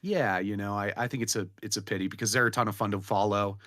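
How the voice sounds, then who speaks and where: A man's voice: lowish voice, steady tone, fast talker, fairly bright tone, no echo, studio quality. A man co-hosting a movie podcast, talking in a laid-back casual way. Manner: laid-back, says "man" and "dude" often. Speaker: podcast co-host. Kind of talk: casual chat.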